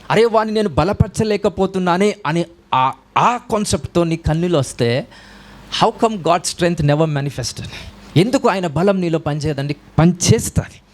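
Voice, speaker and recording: A man preaching a sermon as a pastor, breaking into raised shouts of hallelujah. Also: on the high side. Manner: preaching in Telugu mixed with English, with rising shouts of hallelujah.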